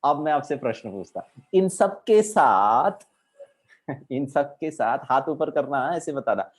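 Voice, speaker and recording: A man's voice: medium pitch, expressive, unhurried, slightly rough. A middle-aged man talking to children over a video call, playful, mixing Hindi and English and acting out small voices as he tells a story. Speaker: children's camp speaker.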